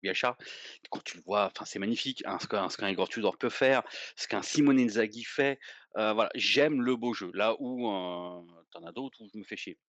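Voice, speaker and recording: A man's voice: lowish voice, fairly quick, fairly bright tone, no echo. A man co-hosting a casual football chat, rambling and hesitant with many fillers and repeated words, heard over a remote call. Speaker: podcast co-host.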